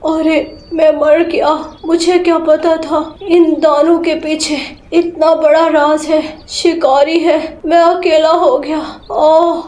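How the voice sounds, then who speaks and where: A woman's voice: high voice, level tone, takes it slowly, hardly any pauses, a little mellow. A woman voicing a male sparrow who laments in pain as he dies, in a storybook tale. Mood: anguished. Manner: pained, gasping laments. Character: dying male sparrow father, anguished. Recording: roomy echo.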